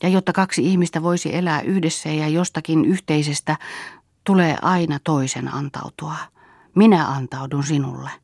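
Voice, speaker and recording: A brooding young man pleads with the woman he loves, intense and restless, as a woman reading a novel aloud gives him voice. His tone is breathy and close, with a dry, dead sound around it. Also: low-pitched, fairly even intonation, darkish tone, no room sound. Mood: tender. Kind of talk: audiobook reading.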